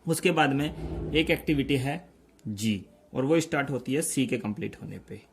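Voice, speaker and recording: Guy walking through a lesson slowly, mid-pitched voice, bit of faint background hiss. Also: expressive. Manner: explains slowly, checks in often. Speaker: teacher. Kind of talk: step-by-step lecture.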